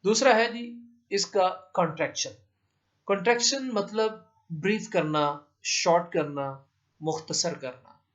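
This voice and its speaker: A male teacher explaining English grammar rules slowly, repeating each term and giving English examples. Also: high-pitched, expressive, fairly bright tone. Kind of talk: classroom lesson explanation. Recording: dull lo-fi recording.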